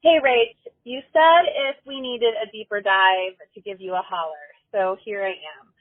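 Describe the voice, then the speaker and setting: A woman's voice: medium pitch, moderate pace. A woman leaving an earnest, eager voicemail for a podcast host, played back over a phone line. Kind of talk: casual spoken message. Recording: tinny dry phone voicemail.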